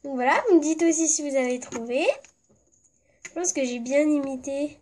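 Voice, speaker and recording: A woman with a stuffy, congested voice from a cold chats casually to her viewers. Her voice sits high, and she rambles from one thought to the next, padding her sentences with fillers. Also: normal speed, a little mellow. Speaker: vlogger. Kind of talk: casual vlog chat.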